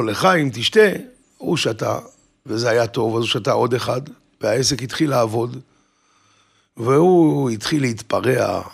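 A man's voice: medium pitch, vocal fry, breathy edge. A man preaching a sermon, telling a story and acting out its characters. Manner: animated storyteller, acts out characters.

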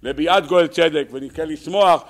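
A man giving a holiday sermon as a rabbi, telling stories and quoting sayings, his voice climbing high and loud at the key lines. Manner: storytelling preacher, voice rising high and loud for quoted sayings.

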